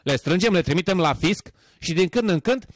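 A man's voice: sits high, animated, no room sound, voice pushed up. A man putting on the voice of a thrifty older male rabbi who answers questions patiently and matter-of-factly. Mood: sly.

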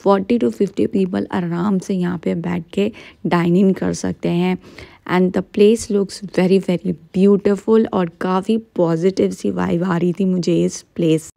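Holding her phone at arm's length, a gravelly-voiced young food vlogger narrates casually as she moves from a tree-lined road into a cafe. Her lowish voice is mellow and steady with no room sound, and she blends Hindi with English, slowing noticeably whenever she says an English phrase.

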